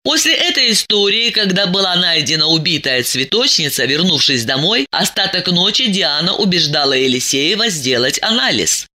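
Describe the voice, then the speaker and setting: A woman narrating an audiobook with expressive, lively storytelling. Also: fairly low pitch, moderate pace, few pauses.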